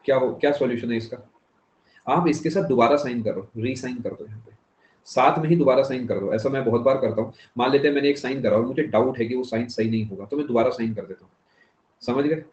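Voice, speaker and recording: A man's voice: medium pitch, fast talker, a little mellow. A man teaching an economics class, explaining step by step, slipping into English phrases and checking if students follow. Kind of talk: classroom lecture. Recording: dull, echoey classroom recording.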